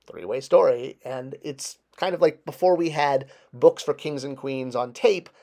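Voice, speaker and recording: A man presenting in a casual explanatory style, with animated delivery and emphatic stresses on key words. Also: mid-range voice, a little slow, vocal fry. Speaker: video presenter.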